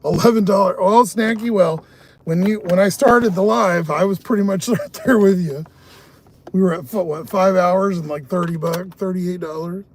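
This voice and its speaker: A man with a high-pitched voice chats with viewers on a casual live stream from inside his car, swearing often as he talks at a moderate pace. He's a streamer who does delivery driving, and there's slight background noise.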